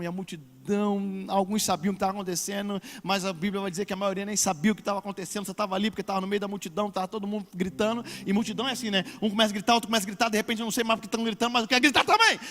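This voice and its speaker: A man preaching as a pastor at a church service, swelling loudly for emphasis and drawing out words. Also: sits high, fairly even intonation, rapid-fire, hardly any pauses, in a large hall, a little hiss or hum. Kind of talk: sermon.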